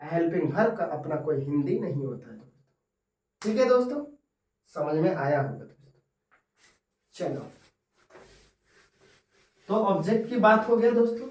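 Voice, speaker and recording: A man teaching English grammar in Hindi, repeating each example slowly and often calling his viewers friends. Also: on the high side, big pitch swings, a little mellow, recorded from a distance. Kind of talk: Hindi-medium grammar lesson. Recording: echoey room, voice from off-mic.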